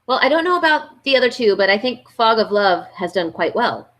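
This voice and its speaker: A woman's voice: fairly high pitch, big pitch swings, brisk, fairly bright tone. A woman in her thirties chatting as a guest about board games, full of fillers and easy laughter. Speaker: guest, board game channel host. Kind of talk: casual live-stream interview.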